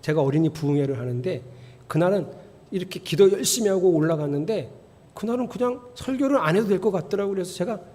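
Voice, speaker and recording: A middle-aged man preaching a sermon as pastor, telling stories with animation and building to emphatic, near-shouted appeals. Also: high-pitched, animated, fast talker. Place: church sanctuary. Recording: long church hall reverb.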